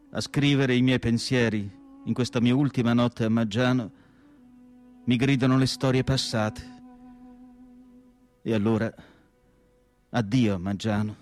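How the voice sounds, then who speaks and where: In a solemn, measured radio drama monologue with deliberate pauses, an actor voices a reflective, melancholic asylum doctor writing his diary. His natural voice sits fairly high, and the mood is intimate and melancholic.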